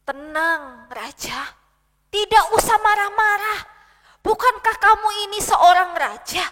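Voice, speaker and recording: A woman's voice: extremely high pitch, animated, a little slow, sharp tone, voice pushed up, full character voice. A woman doing a coaxing, scheming queen. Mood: assured. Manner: coaxing and commanding. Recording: long hall reverb.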